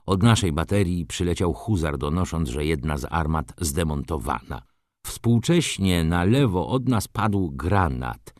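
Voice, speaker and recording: A man reading a story aloud in the first person, with expressive scripted narration. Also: deep voice, measured pace, no echo, clean studio sound. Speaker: audiobook narrator.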